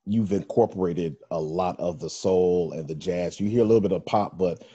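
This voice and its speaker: A male radio host conducts a casual interview in a very low, warm, mellow voice with a husky grain. He rambles at a moderate pace, looping through fillers and restarts before reaching his questions. The high frequencies are cut off.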